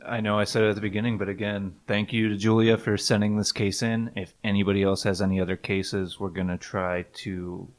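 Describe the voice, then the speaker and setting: A man's voice: lowish voice, little pitch movement, a little fast, hardly any pauses. A man co-hosting a casual podcast, trading dry, easygoing jokes. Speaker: podcast co-host.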